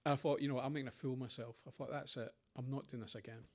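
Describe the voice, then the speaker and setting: Scottish man, middle-aged, brisk rambling anecdotes for a panel Q&A. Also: medium pitch, steady tone. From Scotland. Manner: rambling anecdotes with quoted voices. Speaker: panel speaker. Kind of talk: conversational Q&A storytelling.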